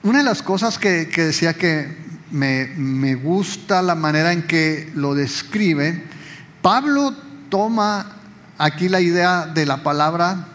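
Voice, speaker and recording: A man's voice: fairly high pitch, lively intonation, slow pace, fairly bright tone, big-room sound. A man preaching a sermon as pastor, explaining conversationally and speaking directly to the congregation.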